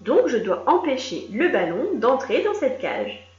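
A woman's voice: fairly high pitch, unhurried. A woman voicing a stubborn young female mule in a storybook reading. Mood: curious. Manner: stubborn, flatly refusing. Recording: echoey room, dull lo-fi sound.

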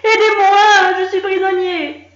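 A woman's voice: medium pitch, big pitch swings, measured pace, a bit bright. A woman voicing a grumpy, mean old man from a children's story, scolding and mocking, in a roomy, slightly dull recording. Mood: panicked.

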